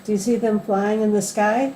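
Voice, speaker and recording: An older woman, a sweet old lady, reads a picture book aloud to a child in a gentle, unhurried way, as a grandmother would. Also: mid-range voice, fairly even intonation. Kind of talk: read-aloud storytelling with asides to a child. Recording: roomy echo, faint background noise.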